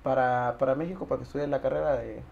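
A man's voice: medium pitch, fairly even intonation, rapid-fire, gravelly, a little mellow, lo-fi sound, a little hiss or hum. A young man from Honduras, a barber, chatting casually as a guest in an interview and often tossing in "brother" and "¿sabes?". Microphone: lapel mic.

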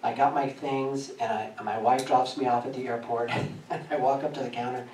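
A man preaching a sermon, telling a personal story in a lively way and often laughing as he speaks. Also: mid-range voice, a little fast, a little hiss or hum. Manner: animated, laughing through his story. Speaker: pastor. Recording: echoey church from a distance.

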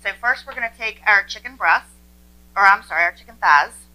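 A woman's voice: medium pitch, a little fast, sharp tone, low-quality recording. A woman in her forties hosting a cooking show from a home kitchen, chatting and sharing tips as she cooks. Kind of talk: casual cooking demonstration.

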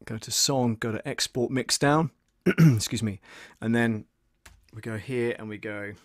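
He speaks unhurriedly at a medium pitch, and there's no room sound. A man in his fifties, an audio producer who hosts live streams, runs an informal tutorial for viewers from his converted-shed home studio, which is soundproofed, leaning close to a desk condenser microphone.

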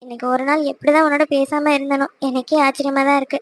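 A woman voicing a possessive, jealous young wife in a cartoon, talking in a quick, scolding, emotional way. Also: high voice, flat delivery, lightly acted. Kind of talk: cartoon voice acting.

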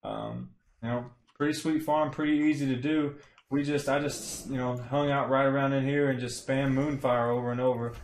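A man's voice: medium pitch, moderate pace, a little hiss or hum. A young man streaming from a home room, casually explaining a game farm with lots of fillers. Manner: relaxed, rambling, many fillers. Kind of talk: casual game guide commentary. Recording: echoey room.

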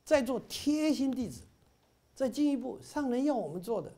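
A man's voice: very high-pitched, expressive, moderate pace, mellow. A middle-aged man giving an informal Buddhist talk to fellow volunteers, full of "ah" fillers and rising to emphatic peaks. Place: bookstore meeting hall.

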